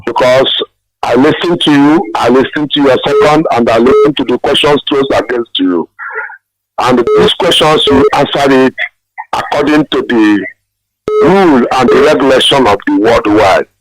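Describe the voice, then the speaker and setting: A man's voice: mid-range voice, moderate pace. A male caller speaking over a phone line on a live call-in broadcast, earnest and emphatic, repeating his key phrases.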